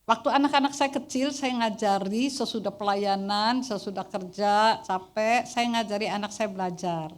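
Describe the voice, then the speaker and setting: A middle-aged woman pastor preaching a Sunday sermon in church, telling humorous stories in a loud voice that carries far and often addressing the congregation. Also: medium pitch, normal speed, few pauses.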